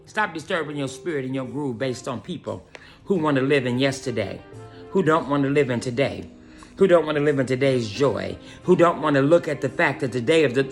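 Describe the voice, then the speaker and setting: A woman hosting an inspirational morning message, exhorting listeners in a lively preachy style and calling them "y'all" and "honey". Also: deep voice. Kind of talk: preachy motivational talk.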